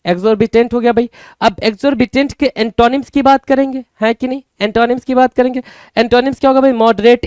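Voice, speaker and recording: A man leads a vocabulary lesson for exam takers. His voice sits high for a man and sounds smooth and clear. He keeps checking in with rhetorical questions and repeats every word. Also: a little mellow, no echo. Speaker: vocabulary teacher.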